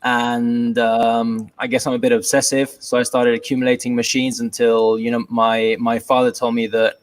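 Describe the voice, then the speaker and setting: A man with a British London accent, speaking on a video call as an interview guest. He talks in an easygoing, unhurried way, stopping often on fillers. A dry, wry humor runs through his answers. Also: medium pitch. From England. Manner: relaxed, hesitant with many ums, wry humor. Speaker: guest, furniture maker.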